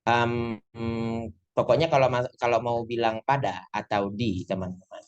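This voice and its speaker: A man's voice: mid-range voice, steady tone, a little slow, highs cut off. Chatty male English tutor on a video call. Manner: chatty, mixes English phrases into explanations. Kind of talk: online class lecture. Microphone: computer mic on a video call.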